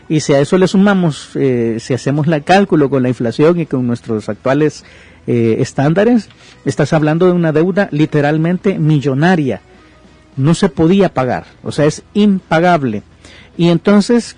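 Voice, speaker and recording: A man's voice: a little high, dark tone, no room sound. A man giving pastoral counsel on a podcast, teaching conversationally about forgiveness and retelling and reading a parable aloud with explanatory asides. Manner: reads verses aloud.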